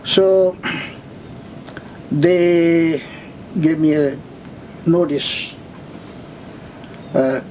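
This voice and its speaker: A man in his seventies from India, slowly telling his life story in an oral history interview, with many pauses and fillers. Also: fairly high pitch, darkish tone, lo-fi sound, a little hiss or hum. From India, West Bengal. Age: 70s.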